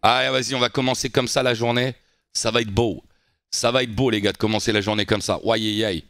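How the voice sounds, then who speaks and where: A man's voice: on the low side, quick pace, no room sound, studio quality. A young man streaming live and reacting to football news, chatting animatedly and constantly turning to his viewers. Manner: animated, keeps addressing his viewers as guys. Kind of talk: casual live-stream chat.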